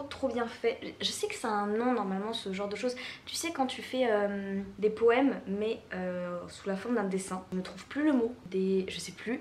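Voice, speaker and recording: Brief: young woman vlogger from France, gushing excitable chat, highish voice, echoey bedroom. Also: a little hiss or hum. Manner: gushing, excitable, quick exclamations. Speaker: book vlogger. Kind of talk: casual unboxing chat. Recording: echoey home room.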